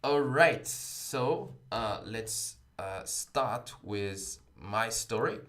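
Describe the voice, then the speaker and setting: A man's voice: lowish voice, lively intonation, very slow, fairly bright tone. A man from France with a French accent, hosting a casual livestream while recovering from the flu, upbeat and chatty with his chat. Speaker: livestream host.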